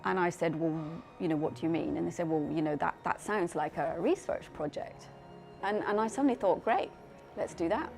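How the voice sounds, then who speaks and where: A middle-aged woman with a fairly low voice speaks in a profile interview, explaining her medical research in a measured, thoughtful way. She often restarts and repeats words as she thinks. Soft music plays quietly underneath. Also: creaky. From Scotland, raised in Belgium. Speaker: clinician scientist in paediatric dermatology.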